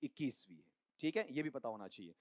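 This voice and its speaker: A man's voice: mid-range voice, very animated, quick pace, darkish tone, no room sound, clean studio sound. A man teaching an exam coaching class, quizzing students with call-and-response questions. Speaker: English teacher.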